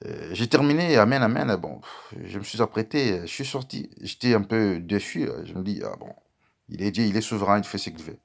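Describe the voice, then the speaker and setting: A man preaching as a pastor, telling a testimony to his listeners and calling them beloved, with sudden loud outbursts and quiet asides. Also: fairly low pitch, animated, brisk, gravelly. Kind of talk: sermon testimony.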